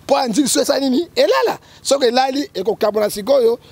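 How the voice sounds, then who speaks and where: A man's voice: very high voice, expressive, fast talker, darkish tone. A man with a Congolese accent, a prophet guest giving emphatic political commentary in an interview, often checking in with his listener and quoting scripture. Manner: emphatic, keeps checking with "hein?", quotes scripture.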